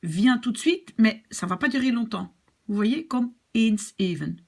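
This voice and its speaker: A woman's voice: a little high, expressive, a little mellow, husky. A woman with a Belgian French accent, a language teacher who explains step by step and demonstrates sample phrases. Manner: explains slowly with spoken demonstrations in another language. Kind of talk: video language lesson.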